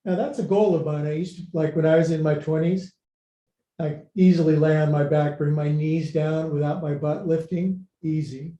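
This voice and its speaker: A middle-aged man with a slightly high, mellow voice teaches a live online yoga class. He takes his time, giving brief commands and counts, then slips into playful, folksy jokes. The room around him is clearly echoey. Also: fairly even intonation, normal speed. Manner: playful, folksy, joking asides and silly sound words. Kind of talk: live-streamed exercise class instruction.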